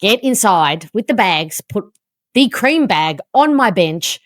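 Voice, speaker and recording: An Australian woman hosting a podcast, telling a story in an animated, self-mocking way. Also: mid-range voice, takes it slowly, dry recording, studio quality. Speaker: podcast host. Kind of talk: casual chat, storytelling.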